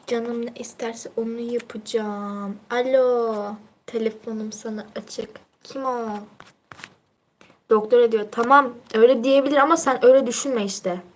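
A teenage girl chatting casually on her livestream, reading out viewer comments in a teasing, chatty way and laughing often. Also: on the high side.

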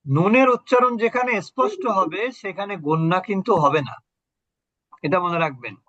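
High-voiced man teaching Quran recitation. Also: lively intonation, normal speed, a bit bright, dry recording, lo-fi sound. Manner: patient, repeats points and quizzes students. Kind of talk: online tajweed lesson.

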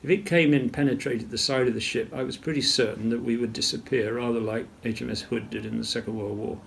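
An older man tells his story in an interview, unhurried and measured. His voice is gravelly and sits at a middle pitch, and he clears his throat often as he talks. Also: fairly even intonation, slight background noise. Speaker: retired naval officer interviewee. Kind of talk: interview recollection.

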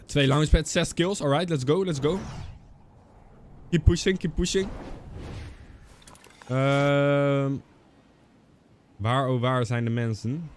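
A man's voice: mid-range voice, steady tone, takes it slowly, slight background noise. A young man with a stuffy nose from a cold gives casual gaming commentary on a close mic, mixing in English slang. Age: young adult. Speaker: streamer. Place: indoor streaming setup. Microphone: close boom microphone.

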